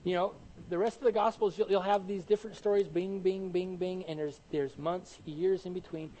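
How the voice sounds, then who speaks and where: A man preaching a Bible study sermon, animated and conversational, often asking the congregation questions and answering them himself. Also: high-pitched, fairly quick, slight background noise, low-quality recording. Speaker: pastor teaching Bible study.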